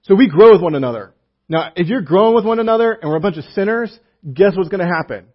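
A man's voice: high voice, lively intonation, fast talker, dull audio. A man preaching a sermon as a pastor, reading scripture aloud and explaining it with casual asides and humor.

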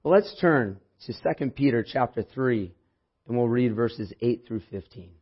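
A man with a hoarse voice preaching a church sermon in an informal, anecdotal way, as if talking with his congregation. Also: medium pitch, lively intonation, moderate pace. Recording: dull, muffled sermon audio.

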